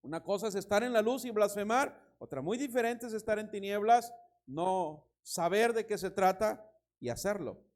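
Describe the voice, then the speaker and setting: A man preaching a sermon as pastor, reading scripture and telling anecdotes with lively emphasis and a Mexican Spanish accent. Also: sits high, normal speed. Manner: animated preaching, reads scripture, tells anecdotes with laughter.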